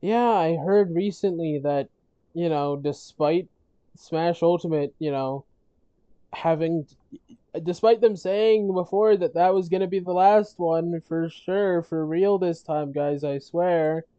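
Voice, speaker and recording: A streamer chatting casually on a gaming stream, rambling with halting restarts and frequent laughs, their voice worn from talking all day. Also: mid-range voice, mellow, clear, resonant tone, dry recording, lo-fi sound. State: losing their voice.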